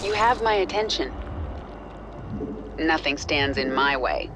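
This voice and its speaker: A woman's voice: low voice, lively intonation, a little slow, noisy background. An actress playing a ruthless, impatient alien swarm queen in a video game, curt and menacing. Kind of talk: video game unit commander lines. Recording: loud game music behind voice.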